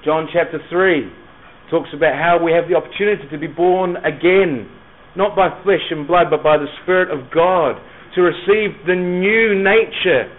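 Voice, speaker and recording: A Scottish-born man who moved to New Zealand as a schoolboy preaches an evangelistic sermon to young people, his softened Scottish accent touched with New Zealand. His voice is on the high side, and he uses rhetorical questions, pauses and emphatic repetition. The recording sounds narrow and phone-like.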